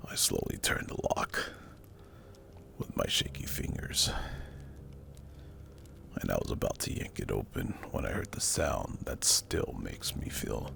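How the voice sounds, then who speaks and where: A man with a rock-bottom, breathy voice tells a horror story in a hushed ASMR whisper. His delivery is slow, deliberate and spooky, thick with gravelly fry. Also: very deep voice, sing-song, a little hiss or hum. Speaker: narrator. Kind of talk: whispered ASMR horror storytelling, scripted first-person narration. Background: music.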